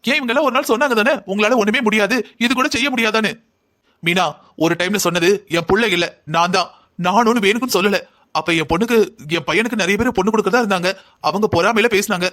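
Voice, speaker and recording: A stern older mother-in-law from a family cartoon drama, voiced by a man. The voice sits high and bright, and the lines come fast. She scolds and lectures the younger woman. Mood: hurt, reproachful.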